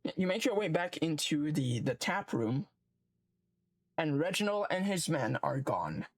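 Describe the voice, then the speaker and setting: A man's voice: a little high, big pitch swings, no echo. A man running a tabletop game as game master, narrating with many fillers and restarts. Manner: halting, lots of fillers and restarts.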